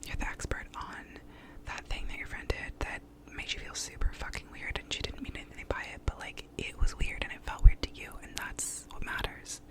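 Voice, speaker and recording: A woman's voice: fairly quick, poor audio. A woman whispers an ASMR pep talk right up close to the microphone. She offers validating affirmations in an informal, reassuring way, with some casual swearing. The whole delivery stays in a whisper. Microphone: close to the mouth.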